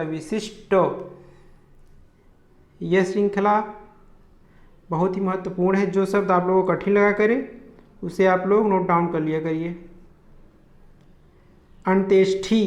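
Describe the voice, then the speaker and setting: A man's voice: sits high, roomy sound. A man teaching a Hindi grammar lesson for exam preparation, naming each wrong spelling, asking for the correct form and answering it himself.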